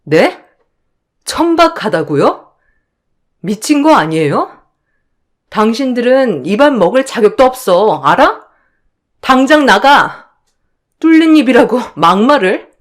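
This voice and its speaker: A woman voicing a defiant young daughter-in-law who answers back with sharp, biting retorts. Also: mid-range voice, big pitch swings, a little slow, pauses often. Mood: furious.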